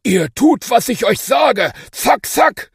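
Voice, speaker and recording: A man voicing a pompous, bossy male lion king who is cowardly underneath, with a gravelly, shouty voice. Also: very high voice, expressive, takes it slowly, no echo, clean studio sound, pitched above the performer's own voice, exaggerated voice. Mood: indignant.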